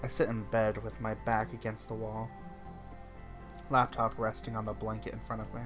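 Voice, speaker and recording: A man's voice: lowish voice, completely flat delivery, normal speed, over music. Man reading a visual novel aloud. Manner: casual first-person reading with small slips and self-corrections. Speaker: let's play narrator.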